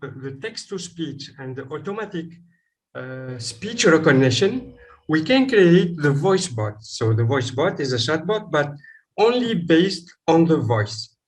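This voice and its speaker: A man giving a demo talk as presenter, haltingly and searching for words. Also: on the high side, very animated. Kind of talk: conference talk with live demos. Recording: distant microphone.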